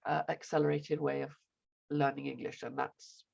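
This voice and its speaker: Squeaky, creaky older woman, under the weather. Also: little pitch movement, moderate pace, darkish tone. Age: 70s. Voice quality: squeaky, croaky voice from feeling unwell. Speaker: language teacher and residential course owner. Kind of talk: self-introduction in a group online discussion. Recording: dull, lo-fi call audio.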